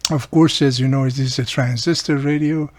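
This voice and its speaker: This radio repairer and video host talks through a relaxed repair demo step by step in plain language while he works. His mid-range voice is slightly mellow, with fairly even intonation and a moderate pace, and the recording is dry.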